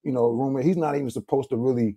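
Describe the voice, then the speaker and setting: Husky, mellow-voiced podcast man. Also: medium pitch, fairly even intonation, racing. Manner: rambling, restarts, "you know what I'm saying". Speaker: podcast co-host. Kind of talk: casual group chat.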